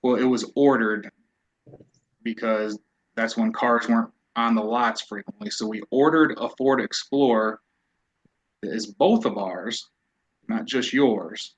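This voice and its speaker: A man's voice: mid-range voice, a little slow. A man testifying in a divorce hearing, guarded and evasive, heard through a courtroom recording. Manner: guarded, evasive, repeats that he doesn't recall. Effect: courtroom recording played back on a stream. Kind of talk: testimony under questioning. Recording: dull lo-fi courtroom audio.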